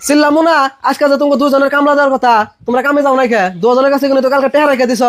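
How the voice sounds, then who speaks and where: A man acting an excitable, timid village farmer in a comedy drama, indignant and quick. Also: very high voice. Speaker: neighboring farmer.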